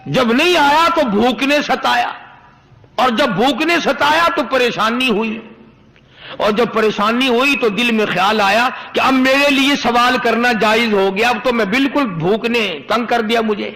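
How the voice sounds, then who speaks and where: Male preacher, sermon storytelling. Bright, forceful tone in a reverberant hall. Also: extremely high pitch. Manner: rhythmic, repetitive phrasing.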